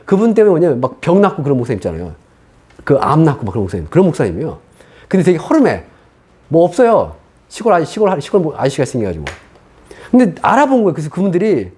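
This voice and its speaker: A high-voiced, quick-talking middle-aged male pastor gives a sermon testimony. His pitch swings widely as he acts out his past words and thoughts. The delivery is animated storytelling from the pulpit. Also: slightly rough.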